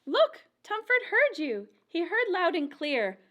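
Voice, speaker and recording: A lo-fi recording captures a woman with a very high voice reading rhyming verse from a picture book to young children. As a storytime librarian, she speaks deliberately, expressively and in a sing-song way.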